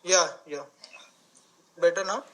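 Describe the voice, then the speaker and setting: A man speaking haltingly over a video call, full of fillers. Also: sits high, low-quality recording. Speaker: panel guest. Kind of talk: casual group conversation.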